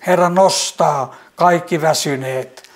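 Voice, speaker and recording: A man leading a fervent spoken prayer as a preacher, rising to loud pleading peaks and sometimes restarting words. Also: a little high.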